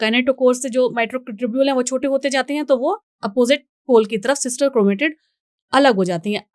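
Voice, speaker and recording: A young Indian woman lecturing on biology for exam students, taking her time over each point. Her voice is smooth and clear, a little high, and recorded close and dry with no room sound. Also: no room sound. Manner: explains slowly, reads English lines out deliberately, checks in with "ठीक है". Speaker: biology teacher. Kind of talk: bilingual exam-prep lecture.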